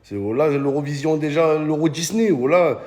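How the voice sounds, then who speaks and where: A man's voice: fairly high pitch, moderate pace, darkish tone. A male comedian, ranting to camera in slangy, rowdy banter and calling out to the guys. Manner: rowdy slangy banter, addresses viewers as "les gars". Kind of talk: comic rant to camera.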